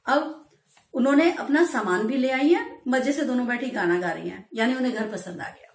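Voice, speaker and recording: A woman's voice: fairly high pitch, moderate pace. A woman teacher explaining a story chapter to students, retelling it in a storytelling manner and playfully acting out the quoted lines. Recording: echoey room.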